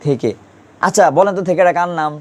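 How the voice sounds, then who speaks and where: In a high-pitched voice and at a fast pace, a man teaches Urdu grammar colloquially, patiently repeating questions to his students to drill their pronunciation.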